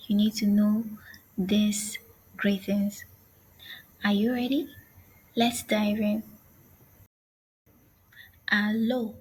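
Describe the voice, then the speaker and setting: A woman teaches an online language lesson at a very slow, unhurried pace. Her voice is soft and breathy, sitting at an ordinary middle pitch. She says each phrase twice with careful pronunciation. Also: poor audio.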